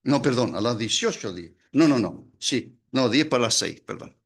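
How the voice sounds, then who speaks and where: An older man with a Chilean Spanish accent preaching a sermon, lively and full of questions to the audience. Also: medium pitch, normal speed, slightly rough.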